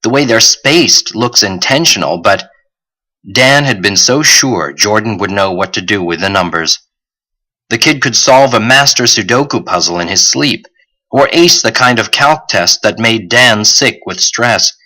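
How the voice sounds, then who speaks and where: Man narrating an audiobook, bright-toned. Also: on the low side, a little slow, poor audio. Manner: steady, clear storytelling. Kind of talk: scripted narration.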